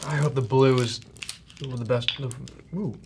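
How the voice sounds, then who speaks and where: A man reviewing hot sauce in a casual tasting vlog, halting and coughing often between sighs. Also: on the high side, noisy background. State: coughing from spicy powder.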